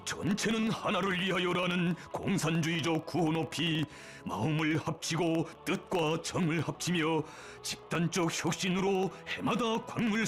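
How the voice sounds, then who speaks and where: A man's voice: high-pitched, a bit bright. A man with a North Korean accent narrating a scripted propaganda documentary in a solemn, reverent, emotive declamatory manner.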